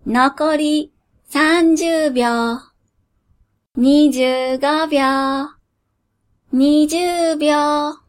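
A woman voicing a shady, lanky middle-aged male genie from a cup of noodles, speaking in a slow, old-fashioned, folksy drawl. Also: high voice, steady tone. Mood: coolly counting. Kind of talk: storybook character voice.

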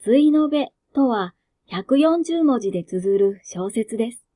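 A woman with a Kansai accent who reads short fiction aloud and then chats about it in a soft, self-mocking way. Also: on the high side, animated, a little slow. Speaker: narrator and host of a reading channel. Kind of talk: reading flash fiction aloud, then casual chat.

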